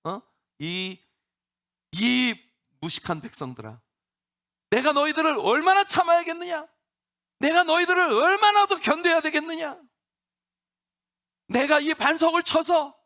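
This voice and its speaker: A man's voice: very animated, unhurried, vocal fry, full character voice. A man acting out an angry, exasperated older male prophet scolding his people in a sermon. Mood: furious. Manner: shouting rebuke, raised pitch.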